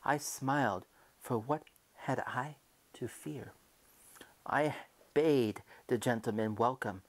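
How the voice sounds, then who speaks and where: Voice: mid-range voice, slow pace. Someone acting out a theatrical, guilt-mad murderer confessing. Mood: smug, hushed. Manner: theatrical, swinging from hushed to shrieking. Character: guilt-mad murderer narrating his confession, increasingly frantic. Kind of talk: dramatic reading of a gothic horror tale.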